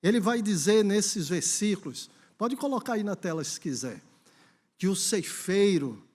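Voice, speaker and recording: In a high, animated and slightly mellow voice, a Brazilian pastor speaks unhurriedly during a sermon at a church conference. He shares a story and then urges the congregation on with emphasis; the recording has a long hall reverb.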